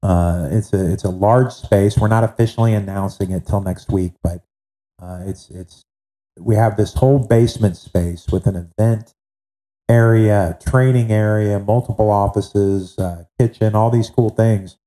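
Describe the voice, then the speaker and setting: A man with a low, mellow voice talks in a relaxed, halting way, restarting his sentences as he goes. He is in a bare concrete basement office, and his voice bounces around as if he were in a cave. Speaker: returning podcast co-host. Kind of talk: casual chat.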